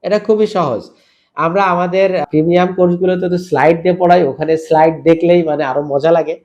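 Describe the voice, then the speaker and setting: A man teaching Quran recitation rules, spelling out each letter and vowel mark and then drawing the words out slowly in a chanted style, asking the listener to repeat. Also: high voice, steady tone, a little mellow, highs cut off. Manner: asks the listener to repeat after him. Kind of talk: step-by-step tajweed lesson.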